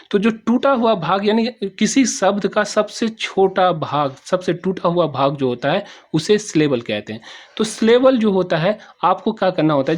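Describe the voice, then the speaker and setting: A man's voice: a little high, darkish tone. A man with a Bihari accent, teaching a class in a repetitive style and often checking that his students understand. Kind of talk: classroom explanation.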